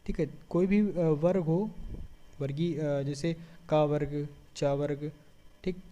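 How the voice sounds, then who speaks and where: A man's voice: fairly high pitch, mellow, muffled recording. A man teaching a grammar lesson step by step, asking questions and answering them himself, with frequent checking words. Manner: explains step by step, often asks and answers his own questions. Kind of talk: board-style grammar lesson.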